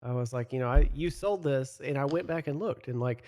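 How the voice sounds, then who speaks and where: A man's voice: medium pitch, brisk. A man co-hosting a casual group podcast, telling stories with lots of laughter and the odd swear word. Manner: animated storytelling, swears, laughs a lot. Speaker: podcast co-host.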